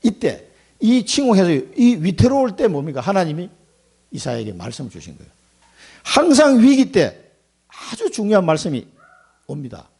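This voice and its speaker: A man preaching a Sunday sermon as pastor, animated, putting on quoted voices and asking his congregation questions. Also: on the high side, slightly rough.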